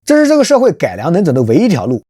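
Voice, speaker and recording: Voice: mid-range voice, wildly swooping pitch, rapid-fire, warm tone, slightly rough, no echo, studio quality. A channel host delivering a scripted social commentary monologue, rhetorical and emphatic, often posing questions to listeners. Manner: calls self by nickname in third person.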